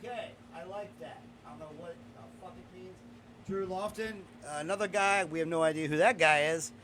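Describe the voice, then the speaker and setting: Blunt high-voiced man ranting. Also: fairly quick, fairly bright tone, slight background noise. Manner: blunt, profane, opinionated ranting. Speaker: podcast host. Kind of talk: casual podcast chat.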